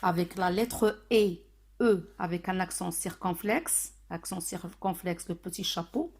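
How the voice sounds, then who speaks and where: A woman teaching a phonics lesson to children, speaking slowly and spelling out sounds syllable by syllable. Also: fairly low pitch, darkish tone. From Morocco. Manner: slow, deliberate, syllable by syllable.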